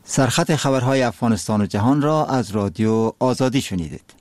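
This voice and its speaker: A man's voice: medium pitch, loud music behind the voice. A man with an Afghan accent reads a scripted news bulletin in a solemn, formal manner. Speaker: radio newsreader. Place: radio studio.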